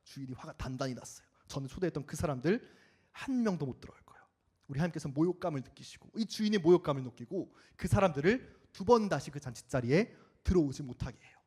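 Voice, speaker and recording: A young man preaching a sermon in a lively way, acting out the voices of the people in his story. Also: fairly high pitch, quick pace, husky. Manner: animated, acts out quoted voices.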